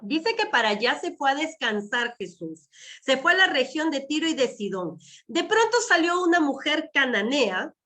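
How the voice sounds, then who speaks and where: A woman's voice: high voice, very animated, moderate pace, bright, forceful tone. A woman preaching a sermon over a video call with earphones, repeating her phrases, asking the congregation questions and saying amen between points. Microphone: wearing earphones with a mic.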